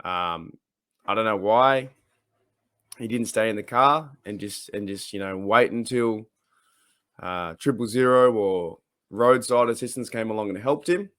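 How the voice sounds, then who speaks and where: This casual sports podcast is hosted by an Australian man with a fairly low, bright-toned voice who rambles and hesitates, his delivery halting. The studio audio is clean, with no room sound.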